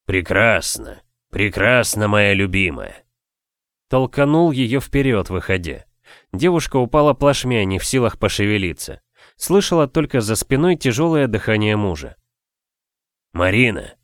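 A man reading an audiobook as its narrator, in an even, measured way. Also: fairly low pitch, no echo, clean studio sound. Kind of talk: scripted narration.

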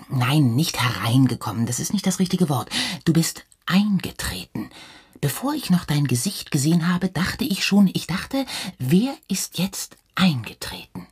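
A man voicing an eager, doting young man who speaks raised and quickly, in a radio reading. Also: on the high side, slightly rough, heavily acted. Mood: excited. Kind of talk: audiobook reading.

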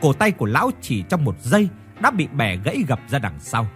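A man narrating a horror story in a dramatic, expressive reading. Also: medium pitch, fairly quick, faint music behind.

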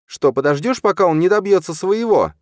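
A man's voice: high voice, expressive, brisk, no echo, clean studio sound, voice pushed up. Man putting on a shrieking spiteful stepmother. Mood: shrill fury. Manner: shrieking, accusing, spitting words. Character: hysterical spiteful young stepmother, shrill woman.

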